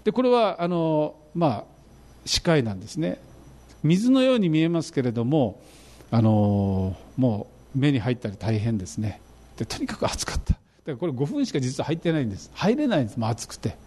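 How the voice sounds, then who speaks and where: A middle-aged man preaching a sermon, animated and fervent, describing travel photos to his congregation. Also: medium pitch, a little fast. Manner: animated, rising to fervent emphasis. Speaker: pastor.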